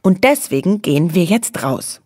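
A woman voicing a fearless, bossy young female dormouse who gives brisk, conspiratorial commands. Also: lowish voice, very animated, a little mellow, husky, no echo, clean studio sound.

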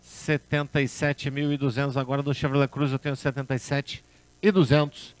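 A man's voice: medium pitch, fairly even intonation, fairly quick. A man working as an auctioneer, calling bids at a car auction in a repetitive chant.

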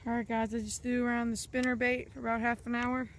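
A woman talks casually into a handheld phone while fishing outdoors, rambling to her viewers in a slightly high voice. Faint nature noise sits behind her speech. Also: level tone, fast talker. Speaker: fishing vlogger. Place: outdoors at a pond bank.

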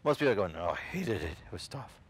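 A middle-aged man, whose first language is not English, preaches an animated and casual sermon outdoors on a beach, gesturing and acting out the voices he quotes. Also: lowish voice, fast talker, slightly rough, rough recording. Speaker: pastor.

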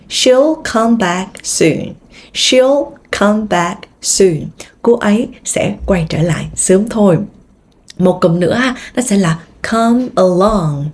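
A Vietnamese English teacher giving an online lesson, saying English example phrases slowly and drilling their pronunciation. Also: female voice, medium pitch, warm tone. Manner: slow, drawn-out example sentences with careful pronunciation drills.

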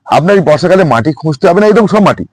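A man who runs a plant nursery, explaining in a quick, excited, repetitive way in a casual chat outdoors at his nursery. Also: on the high side, no echo.

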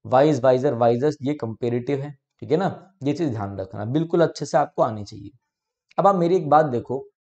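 Warm-voiced man teaching grammar. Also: medium pitch, highs cut off. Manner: explains patiently, asks "ठीक है?" to check understanding; stretches out English example sentences slowly. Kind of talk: exam-prep grammar lesson.

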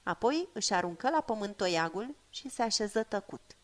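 A woman narrating a fantasy audiobook in a measured, expressive reading voice. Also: medium pitch.

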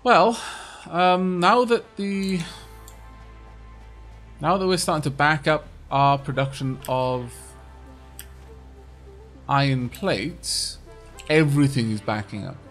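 Faint music plays behind a young Welsh gaming streamer who rambles casually, with lots of fillers, while playing a game with a friend. His voice is a little high and a bit bright, and he speaks slowly with long pauses.

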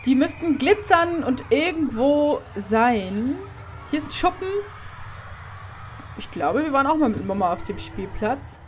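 A woman's voice: sits high, expressive, measured pace, few pauses, slight background noise. A young woman commenting on a horror game as she plays, chatty and exclaiming, sometimes swearing. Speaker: let's play host.

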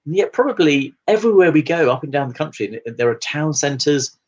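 A man's voice: fairly high pitch, animated, a little fast, darkish tone, highs cut off. A man hosting a live chat over a video call, asking rambling questions full of fillers. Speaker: host. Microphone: video call webcam.

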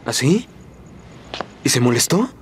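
A man's voice: medium pitch, sing-song, a little slow, a little hiss or hum. An actor playing an earnest, sweet teenage boy in a children's sitcom.

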